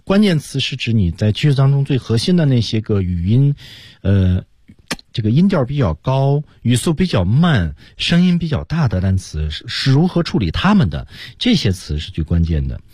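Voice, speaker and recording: A male English pronunciation teacher giving measured, explanatory feedback in a radio lesson, with frequent fillers. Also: medium pitch, big pitch swings, darkish tone, breathy edge, dry recording.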